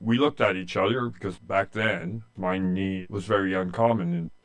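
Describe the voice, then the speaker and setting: This deep-voiced man talks at normal speed. In his late sixties and from rural eastern Ontario, Canada, he has a Canadian accent and is being interviewed as a humanitarian aid volunteer, recounting his life plainly and earnestly.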